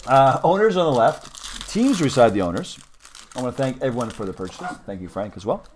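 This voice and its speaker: A man hosts a live card-breaking stream at an ordinary pitch and talks casually. He rambles and corrects himself as he goes, with a faint hiss behind him. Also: animated, fairly quick. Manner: chatty, rambling, with frequent ums and self-corrections.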